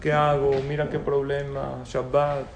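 A man's voice: mid-range voice, flat delivery, measured pace, vocal fry, a little hiss or hum. Man lecturing in an echoey room. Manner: storytelling, asks the audience questions. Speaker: rabbi lecturer. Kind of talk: religious talk to an audience. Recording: echoey room with faint ambience.

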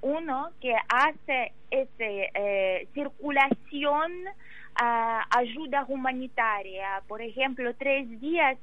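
An emotional woman with a Ukrainian accent gives interview testimony haltingly, searching for words in a language that is not her own. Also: high-pitched, dry recording, narrow, tinny audio. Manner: halting, searching for words in non-native Spanish. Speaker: interview guest.

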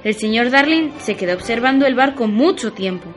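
Lively woman reading a children's story. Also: on the high side, a little fast, faint music behind.

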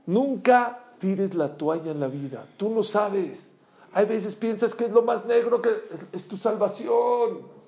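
A man who tells a teaching story in a sermon, animated and swinging between loud and hushed. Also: sits high, slow pace, vocal fry. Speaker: religious teacher.

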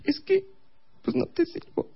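A man voicing a panicky, whiny young girlfriend in a shrill falsetto during a stand-up bit. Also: a little slow, highs cut off, natural voice. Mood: sulky.

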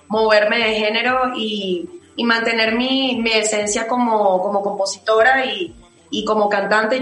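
A Venezuelan singer in her late twenties answers in a slightly high voice, pausing and restarting as she thinks. The room rings with echo, and soft music plays underneath. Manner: thoughtful, many fillers and restarts. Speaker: singer-songwriter guest. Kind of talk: interview answers.

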